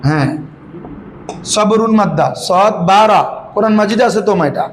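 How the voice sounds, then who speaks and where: High-voiced man teaching grammar to students. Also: a little hiss or hum, poor audio. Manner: questioning students, calls them "baba"; recites Quranic verses slowly. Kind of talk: classroom lesson.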